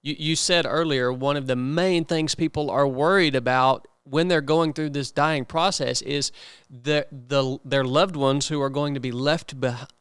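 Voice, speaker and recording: A man hosting a casual conversational interview in an earnest, informal way, pausing often. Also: fairly high pitch, steady tone, fairly bright tone, clear, resonant tone, no echo, clean studio sound. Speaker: interview host.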